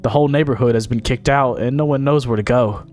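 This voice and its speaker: A man's voice: medium pitch, fast talker, a little mellow, soft background music, lightly acted. A man voicing a worried neighbor from a game who has been kicked out of his home. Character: displaced nervous neighbor looking for shelter.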